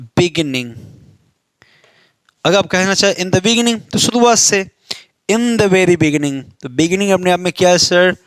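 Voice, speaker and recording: A man with an Indian accent teaching an exam-prep English grammar lesson. He asks questions and answers them himself, and reads the example sentences out slowly. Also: sits high, expressive, fairly bright tone, smooth, dry recording.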